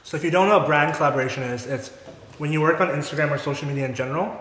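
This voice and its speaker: Brief: young male vlogger, upbeat chatter, slightly raised pitch, roomy reverb and faint hiss. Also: rapid-fire, a bit bright. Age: 20s. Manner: chatty, upbeat, laughs often. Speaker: vlogger host. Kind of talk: casual mukbang chat. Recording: echoey room, faint noise.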